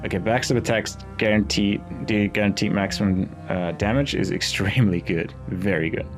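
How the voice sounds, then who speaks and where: A gaming video host with a lowish voice and moderate pace offers casual commentary over game music. He thinks aloud as he reads the game text, sounding musing and hesitant.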